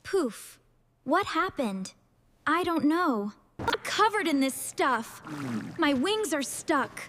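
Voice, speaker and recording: Shrill tiny winged cartoon creature played by a woman, bouncy sing-song exclamations, sound effects said out loud. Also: sing-song, slow, full character voice. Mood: excited. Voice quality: squeaky, shrill. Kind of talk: cartoon dialogue. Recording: loud background noise.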